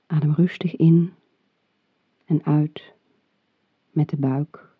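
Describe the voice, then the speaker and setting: In a calm, soothing voice that is soft and breathy, a relaxation guide leads a meditation with measured instructions. The voice is mid-range, and the audio sounds muffled and phone-like, with a roomy echo.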